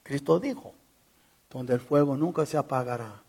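A pastor preaching a sermon to his congregation, pressing his points hard, then dropping to low, quiet warnings. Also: normal speed, creaky, slightly rough. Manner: emphatic, swinging from raised insistence to low, quiet warnings. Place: church, speaking to a congregation.

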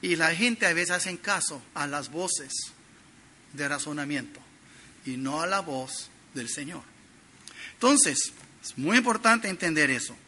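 A middle-aged male preacher with a high voice and a very bright, sharp, forceful edge to it. He teaches earnestly through a sermon, pushing lines out loudly for emphasis and then falling to near-quiet asides. The delivery feels like a pulpit talk. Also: lively intonation, unhurried, long pauses. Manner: earnest teaching, swings between loud emphasis and soft drops. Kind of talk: expository sermon.

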